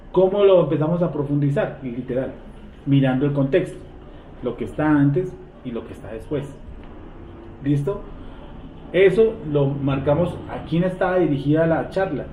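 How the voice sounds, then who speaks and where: A man's voice: on the high side, dark tone, slight background noise. A man teaching a Bible lesson to a class, often asking a question and answering it himself. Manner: asks the class rhetorical questions and answers them. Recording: tinny, echoey room, distant mic.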